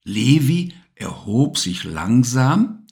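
A man reading a children's bedtime story aloud in a slow, expressive storytelling manner. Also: medium pitch, vocal fry. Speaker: narrator.

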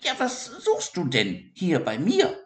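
A man voicing a prickly male hedgehog in a children's story, speaking in a high falsetto. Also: sing-song, slow, vocal fry, a little mellow, slight background noise, full character voice. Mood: curt. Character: prickly male hedgehog, gruff then sorry. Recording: roomy echo.

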